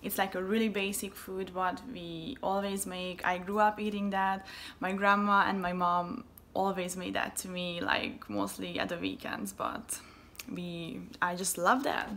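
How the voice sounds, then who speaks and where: A woman's voice: fairly low pitch, measured pace, fairly bright tone, slight background noise. Chatty young Hungarian woman cooking. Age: young adult. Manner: chatty, enthusiastic, fillers like "like" and "uh". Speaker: cooking vlogger. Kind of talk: casual cooking tutorial.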